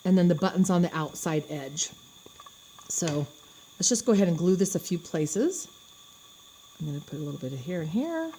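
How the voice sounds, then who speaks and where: Mellow-voiced woman demonstrating a craft. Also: fairly low pitch, lively intonation, moderate pace, long pauses, a little hiss or hum. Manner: chatty, thinking aloud while working. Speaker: craft instructor.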